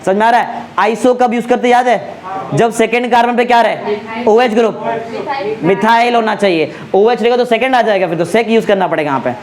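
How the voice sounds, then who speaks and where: A male chemistry tutor lecturing a class, drilling students with constant check-in questions and slowly repeating key names for emphasis. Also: sits high, a crowd in the background.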